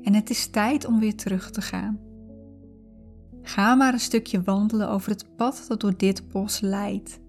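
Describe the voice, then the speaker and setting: A woman narrating a guided visualization in a calm, soothing, unhurried way. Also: mid-range voice. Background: background music.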